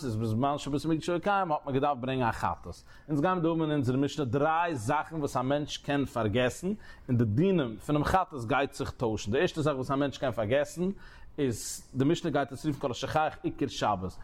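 A man teaching a Talmud lesson in a sing-song learning cadence, often restarting his phrases. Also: medium pitch. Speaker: Torah teacher.

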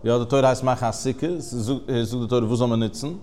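Guy teaching talmud, singsong chanting, mid pitch, lots of restarts. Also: steady tone, a little fast, a little mellow. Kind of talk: Yiddish-style Talmud lesson.

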